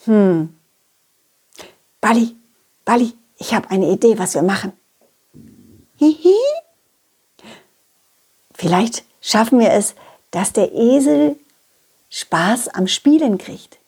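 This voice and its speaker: A woman's voice: fairly high pitch, lively intonation, slow pace, long pauses, darkish tone, husky. A woman telling a children's story in a playful, coaxing way.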